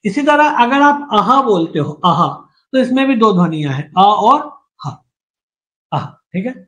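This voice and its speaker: A man's voice: high voice, sing-song, fairly quick, fairly bright tone. A man teaching Hindi grammar in an exam-prep lecture, who asks and answers his own questions, repeats each point and sounds out syllables for students to copy.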